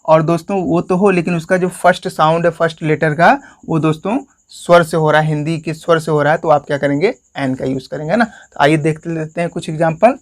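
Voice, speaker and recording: Man with a Hindi accent, a bit high-pitched, English grammar tutor who keeps asking and answering his own questions. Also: fairly even intonation, brisk, few pauses. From India. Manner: repeats "friends" and asks questions he answers himself. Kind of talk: explanatory classroom lesson.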